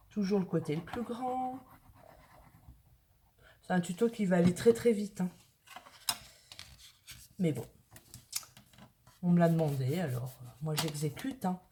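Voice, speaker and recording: Woman, from northern France, craft tutorial host; slow, warm-toned, chatty. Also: lowish voice, big pitch swings, a little hiss or hum. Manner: chatty, talks to viewers while working with her hands. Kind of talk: casual craft tutorial narration.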